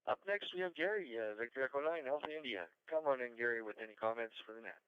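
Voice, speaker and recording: A man runs an amateur radio net in an informal, courteous, folksy way. His voice is clear and mid-pitched, reading call signs and taking check-ins over slightly muffled, lo-fi audio. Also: animated, fast talker, no echo.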